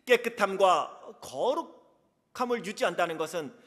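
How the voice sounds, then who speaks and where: Male pastor preaching, dramatic, swings soft to loud, long church echo. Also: high voice, expressive, measured pace. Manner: dramatic, swings between soft and emphatic delivery. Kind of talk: sermon. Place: church sanctuary. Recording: reverberant church hall.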